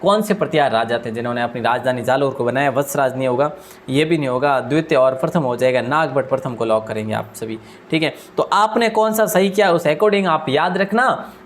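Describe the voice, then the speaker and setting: Fast-talking man quizzing his students. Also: medium pitch, expressive, slight background noise. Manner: asks questions aloud and answers them himself; deliberately speaks fast. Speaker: quiz teacher. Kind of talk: exam-prep quiz lesson.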